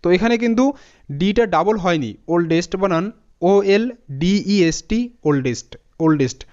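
A man teaching an English spelling lesson, spelling words out letter by letter in a steady explaining manner. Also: high-pitched, moderate pace. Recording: dull lo-fi audio.

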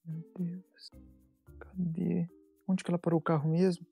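A woman's voice: on the low side, level tone, a little slow, vocal fry, mellow, soft background music, pitched below the performer's own voice. A woman voicing a sneaky, defiant young male car thief.

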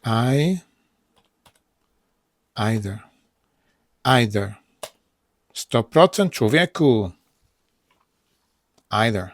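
Slow-talking Polish man drilling English words. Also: mid-range voice, no room sound. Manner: repeats words slowly, drilling them aloud. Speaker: English pronunciation teacher. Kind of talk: casual spoken lesson.

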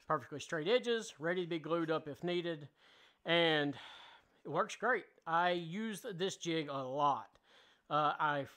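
A man in his thirties talks through a woodworking tutorial in a casual, plainspoken way, with a slightly raised pitch for his sex. He explains each step as he goes, from inside his home workshop. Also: a bit bright. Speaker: woodworking channel host. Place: home woodworking shop, indoors.

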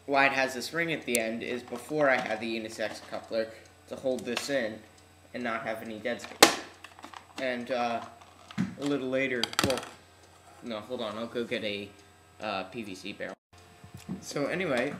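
A man's voice: medium pitch, pushed and bright. Teenage guy in an echoey, noisy room. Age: teens. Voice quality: slightly odd articulation from braces and palate expander. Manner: offhand, slangy. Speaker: hobbyist video host. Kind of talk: casual unscripted vlog demonstration. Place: large room at home, indoors. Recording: echoey room, noisy webcam-style audio.

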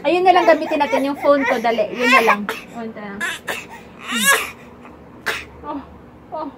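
A woman's voice: high-pitched, animated, a little slow, heavy background noise. A woman who is a mother and vlogger, filming at home and chatting casually to her viewers between bursts of playful baby talk. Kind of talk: casual home vlog, talking to camera and baby.

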